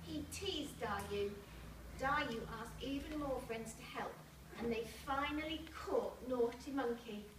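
Heard from a distance in a big, echoing primary school hall, a young woman with a high voice gives an animated picture-book reading at an unhurried, careful pace. She keeps her phrasing simple and pauses to talk with the young children listening. A camera several metres off picks her up over a noisy room.

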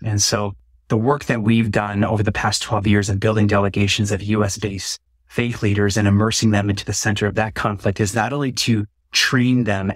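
A man in his forties hosting a virtual conversation, speaking earnestly and warmly about his work and his guest, close to a webcam in a small room. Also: fairly low pitch, slightly rough, dry recording. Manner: earnest, heartfelt, flowing. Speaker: interviewer and peacemaking trainer. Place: small room with curtained window. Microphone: phone or webcam close up.

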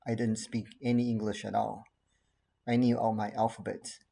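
Calm, earnest man in his forties. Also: lowish voice, vocal fry. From Taiwan. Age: 40s. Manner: calm, earnest, measured with frequent fillers. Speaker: pediatrician. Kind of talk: casual talk to camera. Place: living room at home. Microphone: laptop webcam.

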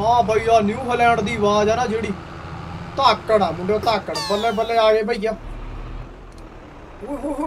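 A young man giving casual gameplay commentary, full of hearty, exclamatory banter aimed at his viewers. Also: extremely high pitch. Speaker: gaming video host. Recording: distant mic, faint background noise.

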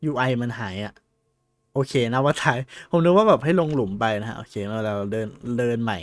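A young man chatting casually over a game he is playing for the first time, excitable and quick to yelp when chased. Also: medium pitch, no echo, studio quality. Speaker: game streamer. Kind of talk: casual let's-play commentary.

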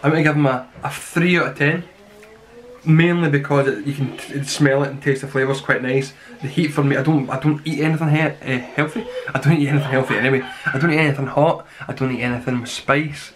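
A man in his twenties reviews snacks in a casual, rambling way, with a mid-pitched voice. He grumbles in deadpan fashion and swears mildly. The recording is a clearly noisy home one, made on a camera mic in a small room. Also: brisk. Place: small plain room indoors.

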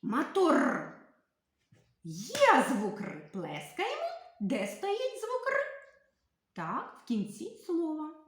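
A woman teacher giving a literacy lesson to young children, spelling out sounds slowly and asking questions she then answers herself. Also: on the high side, very echoey. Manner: slow, sing-song, carefully spelled-out sounds.

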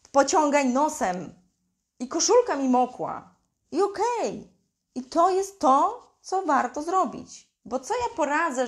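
A woman giving blunt, emphatic parenting advice to camera, using mild slang and acting out what parents say. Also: high voice. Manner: acts out parents' lines in quick mimicking voices. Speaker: parenting coach. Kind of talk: direct-to-camera advice talk.

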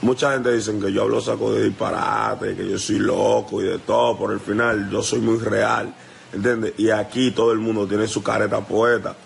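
Young Dominican man, livestream call-out, low gravelly voice, repetitive and confrontational, faint background hiss. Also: little pitch movement, moderate pace. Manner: confrontational, repetitive, keeps asking "you understand?". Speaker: musician addressing a rival. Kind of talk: heated livestream rant. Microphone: phone livestream.

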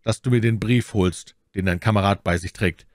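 A man's voice: fairly low pitch, normal speed, no echo, clean studio sound, lightly acted. A man voicing a bold young officer who speaks in a stern, commanding way in an audiobook.

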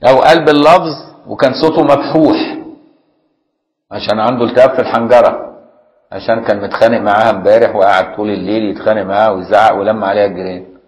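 Egyptian sheikh explaining a legal text. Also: male voice, fairly low pitch, a little mellow, rough recording. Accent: Egyptian Arabic. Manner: explains plainly, often asks listeners if it is clear; reads a classical text, then glosses it in colloquial speech. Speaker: Islamic jurisprudence teacher. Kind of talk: religious lesson.

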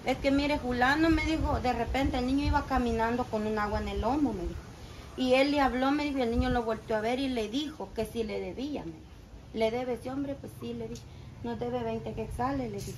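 A woman retells what happened, acting out every line of the dialogue. Her voice sits a little high, and her telling is lively and emphatic. Faint outdoor noise stays in the background. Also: a little fast, poor audio. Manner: animated retelling with quoted dialogue. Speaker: mother and small business owner. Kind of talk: storytelling interview.

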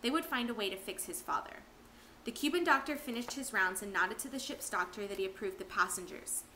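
A woman teacher reads a novel aloud from home in an expressive storytelling manner. Her voice is bright and clear, sitting at a middle pitch. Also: a little fast, slight background noise.

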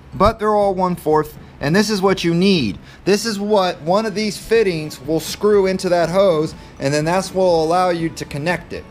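Casual man rambling in a garage. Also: high-pitched. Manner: plain-spoken, rambling, a bit self-deprecating. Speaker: channel host reviewing tools. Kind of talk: casual unboxing chat. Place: cluttered indoor garage workshop.

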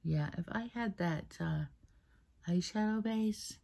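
Woman beauty vlogger, slow husky voice, half-whispered, camera mic, casual makeup chat. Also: medium pitch. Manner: soft, half-whispered, rambling and apologetic. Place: at her mother's place. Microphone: built-in camera mic, no separate mic.

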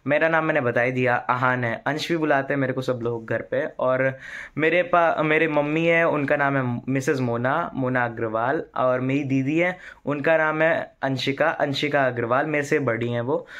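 A man's voice: medium pitch, fairly even intonation, moderate pace, a bit bright, highs cut off. A young man talking casually to a handheld phone camera at home, chatty and playfully teasing his family. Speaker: vlogger. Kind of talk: casual vlog narration.

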